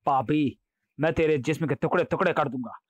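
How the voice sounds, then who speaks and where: A man voicing a noble, earnest king in a comic audiobook, righteous and quick to alarm. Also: fairly high pitch, no echo, dull audio, close to an everyday voice. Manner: earnest and excitable, righteous declarations.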